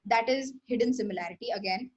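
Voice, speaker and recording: A young woman with an Indian English accent hosts a casual livestream about art history, rambling, correcting herself and laughing often. She talks fast in a fairly high-pitched voice with a breathy edge.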